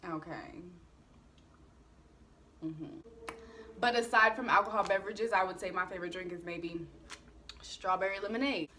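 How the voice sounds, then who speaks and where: A woman's voice: fairly low pitch, normal speed, long pauses, pushed and bright, slight background noise. A woman in her twenties answering questions in a candid, chatty vlog, swearing casually and laughing often. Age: 20s. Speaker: vlogger.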